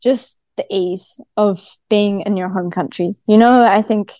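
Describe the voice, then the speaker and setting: A woman's voice: medium pitch, steady tone, a little slow, dark tone, no room sound. A woman with a broad New Zealand accent, chatting casually as a guest athlete in a podcast interview. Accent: broad New Zealand (Kiwi). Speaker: guest, professional cyclist.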